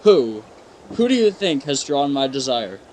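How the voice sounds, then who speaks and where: Guy playing ambitious young suitor, formal and cocky, mid pitch, radio drama, bit of noise. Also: sing-song, measured pace, a little mellow, low-quality recording. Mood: defensive, proud. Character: proud, ambitious young businessman suitor, self-satisfied. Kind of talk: live-audience radio play acting.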